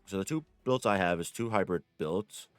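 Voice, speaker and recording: Deep-voiced man giving a rambling game tutorial. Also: moderate pace, clear, resonant tone, dry recording, faint music behind. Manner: rambling, self-correcting, says "like" and "uh" often. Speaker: gaming guide creator. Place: home room.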